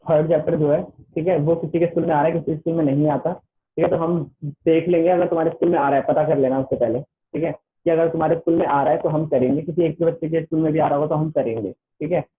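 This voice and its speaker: A man's voice: a little high, steady tone, quick pace. A man tutoring students in a casual online class, rambling and repeating "okay" after nearly every phrase. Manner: repeats "ठीक है" constantly, loose and rambling. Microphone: online class call. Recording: tinny phone-line audio.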